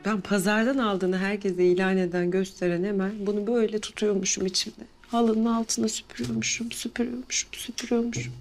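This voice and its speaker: A middle-aged woman's voice of middling pitch with faint music underneath. An actress plays a guilt-ridden mother confessing softly, at times dropping almost to a whisper. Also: little pitch movement, brisk, hardly any pauses, natural voice. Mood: remorseful. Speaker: mother character in a TV drama. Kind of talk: TV drama acting.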